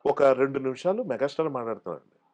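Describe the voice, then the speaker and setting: A man's voice: medium pitch, expressive, very fast, darkish tone, dull audio. A man, an actor as interview guest, telling stories casually and acting out the voices of people he quotes.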